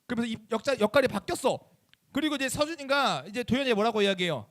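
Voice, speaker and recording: A youth pastor with a high voice preaches a quick, animated sermon in a church chapel. His pitch swings widely as he peppers listeners with questions, answers them himself, and acts out quoted voices.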